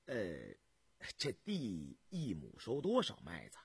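A man voicing a calm young male prince who asks mild, measured questions in an audiobook. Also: on the low side, gravelly, breathy edge, dry recording, voice pushed down, exaggerated voice.

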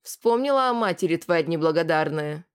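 A woman reading an audiobook and voicing a middle-aged mother who yells scornfully. Her voice rises high and loud in this role. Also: fast, natural voice. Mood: furious. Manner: yelling, scornful.

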